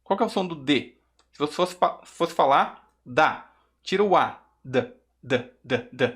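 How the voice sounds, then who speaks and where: Brazilian teacher, male, slightly high voice, patient drills of exaggerated English sounds. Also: animated, moderate pace, a bit bright. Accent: Brazilian Portuguese. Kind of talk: pronunciation lesson.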